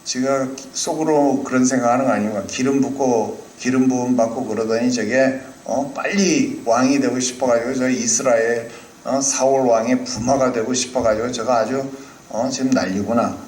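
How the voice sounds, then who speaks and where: A man voicing a scornful older brother who scolds his young sibling in a gruff, mocking way, in an echoey hall. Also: mid-range voice, steady tone, normal speed, a little mellow, slight background noise, voice pushed down, close to an everyday voice.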